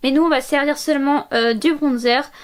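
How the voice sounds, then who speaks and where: High-pitched chatty young woman vlogger. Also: fairly even intonation, fairly quick. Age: 20s. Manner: chatty, many fillers, enthusiastic about products. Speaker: beauty vlogger. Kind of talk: makeup tutorial narration.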